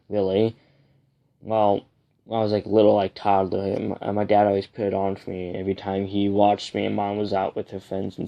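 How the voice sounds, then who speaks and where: Young man, low voice, w-for-r speech impediment, halting and rambling, casual review vlog. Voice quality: speech impediment, says w for r, slightly softened l. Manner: halting, rambling, repeats and restarts phrases. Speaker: comic book reviewer.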